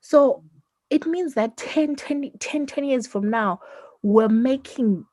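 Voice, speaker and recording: Speaking a little slowly in a high-pitched voice with a darkish tone, a woman from Zimbabwe co-hosts a casual podcast chat. She's animated, laughs a lot and often ends with "right?". There's no echo.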